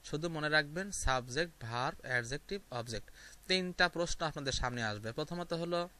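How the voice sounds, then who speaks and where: Bright-voiced man teaching grammar. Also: medium pitch. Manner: step-by-step explaining with frequent fillers and repeated examples. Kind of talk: explaining grammar lesson to viewers.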